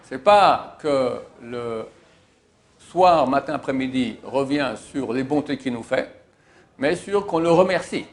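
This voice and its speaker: A man's voice: mid-range voice, animated, slow pace. A male rabbi teaching a prayer, reading Hebrew phrases one by one and translating each into plain speech, stressing key words. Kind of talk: religious lesson, line-by-line translation.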